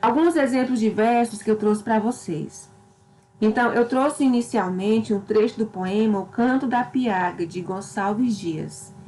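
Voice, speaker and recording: A woman's voice: on the high side, unhurried, warm tone, a little hiss or hum, rough recording. A woman teacher giving a literature lesson, explaining step by step and often checking in with her students.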